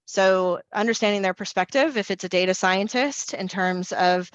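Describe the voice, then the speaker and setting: A woman speaking as a panelist in an online panel discussion, talking fast with energy and frequent restarts. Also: medium pitch, no room sound, highs cut off. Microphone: video call.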